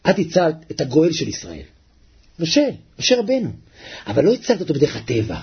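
Gravelly preacher wailing and chanting a sermon. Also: male voice, fairly high pitch, wildly swooping pitch, muffled recording. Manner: swings from hushed murmurs to wailing shouts, chants verses.

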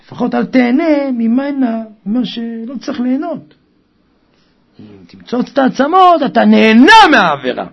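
A man preaching a Torah sermon with passion, swinging from quiet talk to loud cries. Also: extremely high pitch, big pitch swings, vocal fry. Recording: dull lo-fi recording.

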